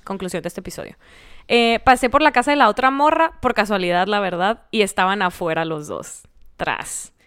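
A woman's voice: mid-range voice, moderate pace, fairly bright tone, clear, resonant tone. A woman co-hosting a podcast in casual banter, speaking mostly Spanish with English phrases mixed in. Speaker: podcast co-host.

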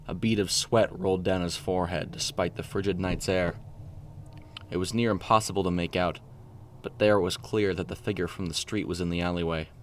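Male narrator for a storybook reading: deep voice, steady and even delivery, faint noise behind him. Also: fairly quick.

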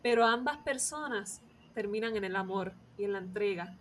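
A woman's voice: medium pitch, moderate pace, a little hiss or hum. A woman hosting a casual faith podcast, talking reflectively and laughing easily. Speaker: podcast host.

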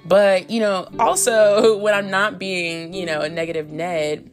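A woman's voice: medium pitch, steady tone, unhurried, soft background music. A woman in her thirties hosting a solo podcast, talking candidly and frankly in a chatty way full of fillers, with hiccups and coughs. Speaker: podcast host. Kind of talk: casual solo podcast monologue.

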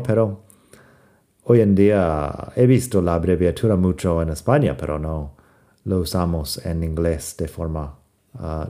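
Slow, low-voiced American man teaching. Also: dark tone. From United States. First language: English. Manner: slow, careful, spells words out letter by letter. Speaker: language teacher. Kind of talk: podcast lesson.

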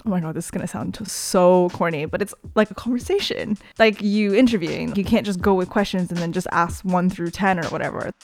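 A woman's voice: lowish voice, a little fast, gravelly, hardly any pauses, a little mellow. A young woman, a DJ raised in Toronto, chatting casually in an interview, filling her talk with "like" and laughing easily. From South Korea, raised in Toronto. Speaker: DJ and promoter, guest.

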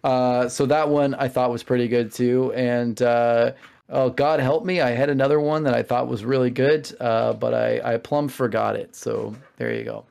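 Gravelly-voiced guy riffing on a podcast, rowdy and swearing a lot. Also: medium pitch, fairly even intonation, moderate pace, a little mellow. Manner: rowdy, profane, laughing often. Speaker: podcast panelist. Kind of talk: casual chat.

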